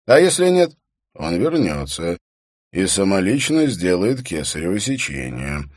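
A weary, hardened detective, as a deep-voiced male reader plays him, speaking grimly and tersely. His tone is low and close to the reader's own voice. The sound is dry. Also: very animated, measured pace, darkish tone, no room sound, full character voice.

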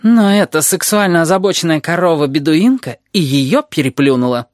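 A reader voicing a fuming, sharp-tongued teacher woman. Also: mid-range voice, lively intonation, moderate pace, dry recording, clean studio sound, voice pushed up, lightly acted. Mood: indignant. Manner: indignant, fuming. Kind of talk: audiobook character voice.

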